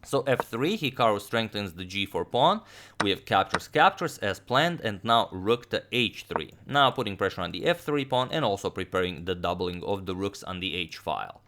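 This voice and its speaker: A man in his thirties giving chess game commentary, explaining move by move in a halting delivery. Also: on the low side, lively intonation, a bit bright, a little hiss or hum. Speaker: chess commentator, channel host. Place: small room indoors.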